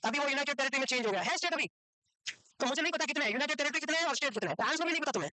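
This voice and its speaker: A woman's voice: sits high, animated, racing, sharp tone, no echo. A woman teaching a nursing exam class in a classroom, quizzing her students and scolding them for not knowing the answers. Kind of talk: classroom lecture.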